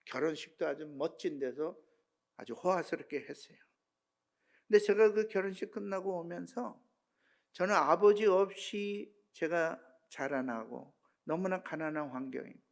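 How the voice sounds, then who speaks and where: An older man, a pastor, preaching a sermon with a personal testimony, telling it with feeling and moving between hushed tones and shouts. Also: high-pitched, creaky. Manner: emotional storytelling, swinging between hushed and shouting.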